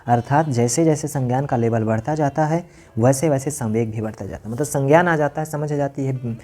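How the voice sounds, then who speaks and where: Man teaching a lecture, warm mellow voice. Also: mid-range voice, brisk. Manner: explains point by point, repeats lines, asks and answers his own questions. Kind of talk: exam-prep lecture.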